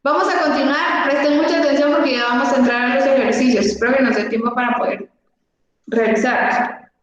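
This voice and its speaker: A woman teaching a math lesson online, speaking slowly and patiently and counting out examples step by step, heard through a low-quality video call stream. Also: steady tone. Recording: dull, echoey, noisy video call audio.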